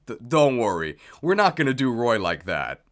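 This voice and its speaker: A man hosts a livestream, chatting casually and thinking aloud while he sets up, with jokey, self-deprecating humor. His mid-range voice is a bit bright and sing-song, moving at a moderate pace.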